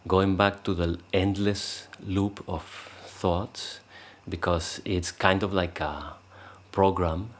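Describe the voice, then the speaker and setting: A man leading a guided meditation, speaking calmly and unhurriedly with many pauses, fillers and restarts. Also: low-pitched. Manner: calm, unhurried, pausing often with fillers and restarts. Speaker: meditation teacher. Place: meditation space in Costa Rica.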